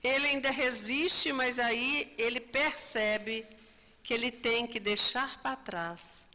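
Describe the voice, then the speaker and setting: A woman gives a spiritist lecture in a bright, fairly high voice, often adding tag questions as she tells a story. Her voice rings through a reverberant hall. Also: takes it slowly. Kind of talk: religious lecture.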